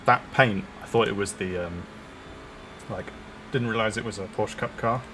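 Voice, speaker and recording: A man's voice: on the low side, moderate pace, noisy background. A man streaming a sim race, chatting casually and swearing freely while he drives. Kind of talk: casual gaming chat.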